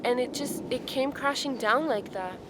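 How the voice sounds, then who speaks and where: Out in a forest, a woman in her twenties muses aloud in a casual, reflective vlog, saying "like" constantly. Her voice is high and moderately paced, with outdoor noise behind her.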